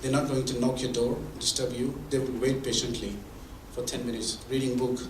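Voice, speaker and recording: At a mentoring event, a man gives a conversational presentation in a mid-range voice, delivering it flatly and a little fast. He explains through examples and restarts frequently. He's recorded from far off in an echoey meeting room or hall, with a little hiss or hum.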